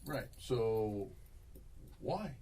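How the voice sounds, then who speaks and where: Male voice coach, lively pitch, distant mic. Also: very slow, slight background noise. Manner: coaching, demonstrates vocal exercises, repeats himself. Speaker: voice teacher. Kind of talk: one-on-one singing lesson.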